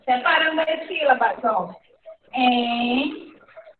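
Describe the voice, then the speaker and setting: A woman with a Brazilian accent teaching young children in an online class, patiently repeating words slowly in a sing-song way. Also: sits high, lively intonation, background noise. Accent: Brazilian Portuguese. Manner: slow, patient, sing-song word repetition. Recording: echoey, distant, phone-like online class audio.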